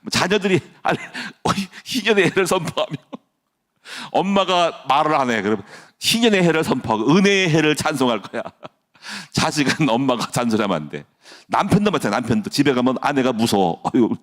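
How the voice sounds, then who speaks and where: Animated Korean pastor at dawn service. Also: male voice, mid-range voice, fairly quick. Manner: animated, jokey, with laughter and sudden drops to a near hush. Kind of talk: sermon.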